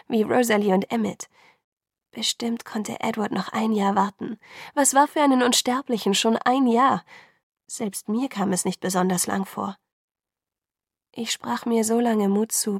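Woman, audiobook narrator, first-person novel, soft subdued reading, vocal fry, dry studio sound. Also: medium pitch, no room sound.

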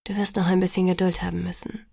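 A woman reading an audiobook, voicing a calm, quiet and reserved young male vampire. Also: on the low side, quick pace, gravelly, no room sound, clean studio sound.

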